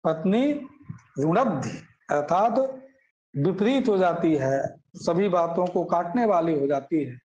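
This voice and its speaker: A man's voice: on the high side, lively intonation, takes it slowly, a little mellow, dull audio. A man teaching scripture, chanting Sanskrit verses and then explaining them line by line, asking questions and answering them himself.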